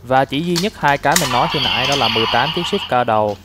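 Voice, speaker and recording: A man's voice: mid-range voice, expressive, racing, heavy background noise. Chatty man reviewing a toy. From Vietnam. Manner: chatty, explains step by step with many fillers. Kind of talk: casual product review.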